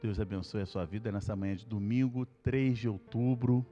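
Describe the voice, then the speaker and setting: A male Brazilian pastor giving an earnest Bible study sermon, repeating key points slowly and calling out to the congregation. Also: fairly low pitch, steady tone, long reverb tail, lo-fi sound, faint music behind. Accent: Brazilian Portuguese.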